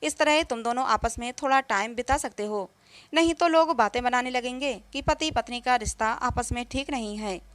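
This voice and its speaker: A domineering, traditional mother-in-law voiced by a woman narrator lectures and scolds in a spoken story. Her voice is high and the sound is dry and close. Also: normal speed, no room sound, lightly acted. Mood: bargaining. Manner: scolding and preachy.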